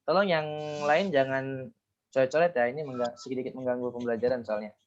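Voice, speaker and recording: A man's voice: mid-range voice, steady tone, brisk, lo-fi sound. Guru pria bersuara rekaman kusam. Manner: explains step by step, self-correcting often. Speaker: Japanese language teacher. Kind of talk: online class lesson.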